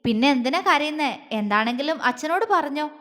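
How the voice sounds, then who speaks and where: A woman playing a gentle, caring father-in-law. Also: high voice, expressive, fairly quick, big-room sound. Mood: tender. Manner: tender, coaxing.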